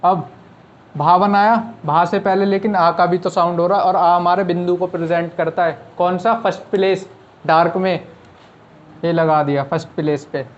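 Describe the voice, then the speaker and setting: Over a muffled recording, a man whose voice sits high speaks at normal speed in a steady tone. He patiently teaches shorthand online, explaining each step and answering the rhetorical questions he poses.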